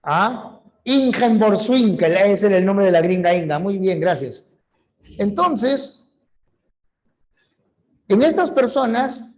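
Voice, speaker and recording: A man's voice: high-pitched, a little mellow. A middle-aged man, teaching a language class in a chatty way, asking questions and answering them himself. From Peru. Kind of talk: online class lecture.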